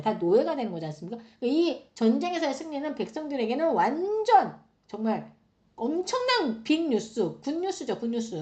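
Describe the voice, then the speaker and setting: A woman teaching a Bible passage to her listeners in an animated way, asking them questions often and acting out the quoted voices. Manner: acts out quoted voices with big pitch jumps. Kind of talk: Bible study talk.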